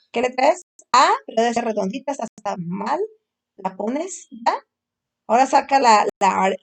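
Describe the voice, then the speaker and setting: Slow patient woman teaching letter sounds. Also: fairly high pitch. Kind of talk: phonics lesson for young children. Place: home.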